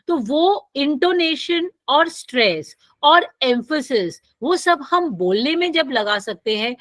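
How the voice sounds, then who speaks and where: High-voiced woman teaching grammar slowly. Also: a bit bright, dry recording. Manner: explains slowly, reading example sentences aloud with stress. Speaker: English lecturer. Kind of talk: classroom grammar lesson.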